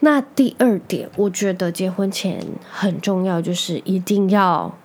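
A woman hosting a podcast alone, chatting casually and telling stories with lively quoted outbursts. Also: mid-range voice, a little slow, a little hiss or hum. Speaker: podcast host. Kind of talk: casual solo chat.

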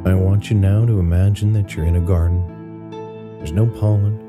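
Deep-voiced man, soothing sleep-story narrator. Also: fairly even intonation, moderate pace. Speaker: guided relaxation narrator. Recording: loud new-age guitar music bed. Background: new-age guitar music.

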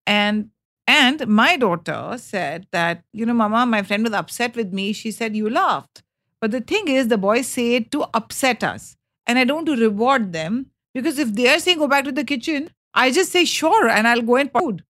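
A woman's voice: fairly high pitch, expressive, normal speed, fairly bright tone, no echo. A middle-aged woman, co-hosting a casual chat about films and acting out quotes and sounds. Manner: chatty, acts out quotes and sounds. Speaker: co-host.

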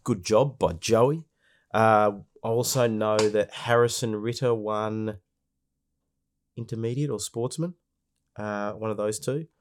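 A man's voice: fairly low pitch, fairly even intonation, slow pace. A man with an Australian accent, hosting a podcast in a casual monologue while congested with a cold. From Melbourne, Australia. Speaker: podcast host.

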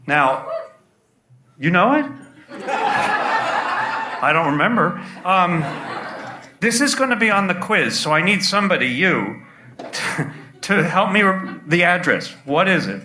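Older man, low-quality echoey live recording. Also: big pitch swings, takes it slowly, pauses often, bright, forceful tone. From United States. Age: 60s. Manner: conversational and playful, with audience asides. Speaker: storyteller. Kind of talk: live storytelling to an audience. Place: stage before a live audience.

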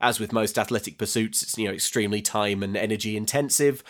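A man's voice: lowish voice, fast talker. A man co-hosting a podcast, recapping a film in a casual, joking way. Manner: joking, acts out characters in lines. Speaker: podcast co-host.

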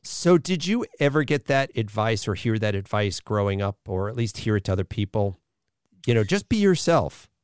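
A man hosting a podcast, reading a scripted introduction and then asking a guest questions in an earnest, measured way. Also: on the low side, sing-song, darkish tone, clear, resonant tone, dry recording, studio quality. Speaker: podcast host.

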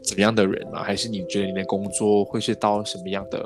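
A podcast host speaks fast in a fairly low voice with little pitch movement, over music in the background. He has a Malaysian Mandarin accent and keeps the interview casual and chatty, sprinkling English words into his Mandarin.

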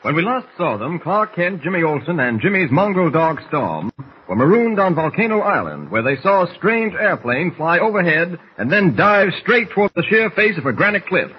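A man's voice: a little high, very animated, normal speed. Suspenseful old-radio serial narrator man. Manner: suspenseful, theatrical telling. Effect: old radio show broadcast. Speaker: story narrator. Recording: faint hiss, muffled old radio recording.

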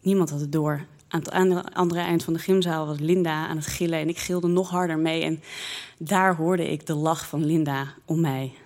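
A woman slowly and expressively telling a personal childhood story in the first person. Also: sits low. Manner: slow, lively, expressive storytelling.

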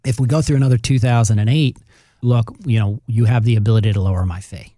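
A man's voice: mid-range voice, fairly even intonation, fast, dark tone, dry recording, clean studio sound, soft background music. A man talking as a financial advisor, explaining things conversationally and addressing the listener directly with emphasis. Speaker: financial advisor on a radio show. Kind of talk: conversational advice talk.

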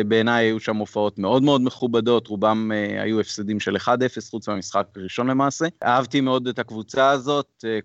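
A man guesting on a podcast speaks in a calm, measured way, pausing as he lists things. His voice is on the low side. The sound is dry and somewhat muffled. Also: dry recording. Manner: measured, listing with pauses. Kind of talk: casual sports chat. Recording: dull lo-fi sound.

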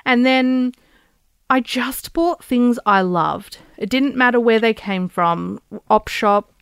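Female, Australian, upbeat practical advice presenter. Smooth, clear voice, dry close sound, chatty and encouraging. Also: a little high, slow pace, dry recording. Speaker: podcast host giving guest advice.

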